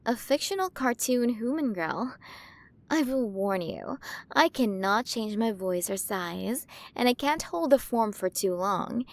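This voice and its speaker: Playing a galaxy's alien queen for an ASMR roleplay, a woman addresses the listener with playful curiosity, coaxing and fascinated. Her voice sits on the high side, and her mood is gentle and eager.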